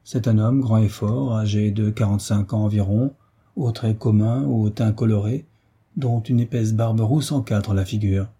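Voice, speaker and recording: An anxious noble baroness, voiced by a man reading a novel aloud. The voice is dark and very husky, with his pitch lifted slightly for her. It is an audiobook reading. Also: steady tone, normal speed. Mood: earnest.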